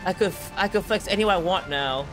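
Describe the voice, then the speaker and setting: A man with a Brooklyn accent jokes around and chats casually while playing a game on a live stream, with game music in the background. His voice sits high and fast with a fairly bright tone, but the audio quality is poor.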